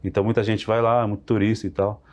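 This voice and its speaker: A man, a podcast guest telling a religious testimony in an animated way, acting out the dialogue. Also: lowish voice, quick pace. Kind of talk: testimony storytelling.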